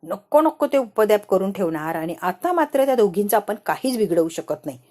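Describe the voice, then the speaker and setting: A woman's voice: mid-range voice, sing-song, brisk, a little mellow. A woman voicing a scheming older woman who broods over her failed plots. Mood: brooding. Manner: resigned, brooding. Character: scheming older woman villain, gloomy and calculating.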